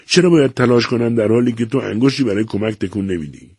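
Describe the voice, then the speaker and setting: A man's voice: lowish voice, sing-song, vocal fry, warm tone, slightly rough, no room sound, studio quality, pitched above the performer's own voice, heavily acted. A man reading as a desperate pleading middle-aged man. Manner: pleading, strained.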